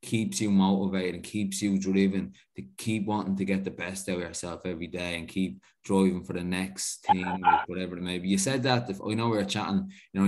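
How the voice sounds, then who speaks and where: A man hosting a podcast, asking rambling questions in a relaxed, casual chat. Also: sits low, a little hiss or hum. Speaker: podcast host.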